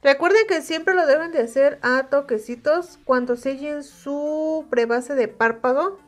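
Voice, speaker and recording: A woman with a Mexican Spanish accent giving a calm, step-by-step makeup tutorial as she reviews an eyeshadow palette. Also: sits high, a little slow.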